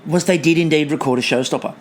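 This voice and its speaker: Wry New Zealand woman, lowish voice, background noise. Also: quick pace. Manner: sweary, wry, bantering. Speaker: podcast co-host. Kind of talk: casual comic review chat.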